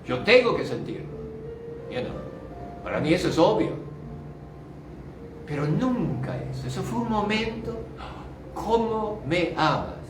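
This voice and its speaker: A man's voice: high-pitched, big pitch swings, unhurried, long pauses, background noise. An older male pastor giving a fervent sermon testimony, dropping in short English asides. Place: church. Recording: roomy church sound, distant mic, faint music.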